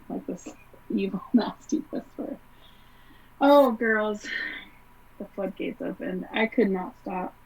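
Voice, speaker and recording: A woman with a husky, slightly breathy voice recounts a personal story as a podcast guest, talking casually and leaning on fillers. She sits a little back from the mic, and the audio sounds dull and muffled. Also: medium pitch, a little mellow, distant mic. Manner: conversational, frequent "like" and "um" fillers. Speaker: interview guest.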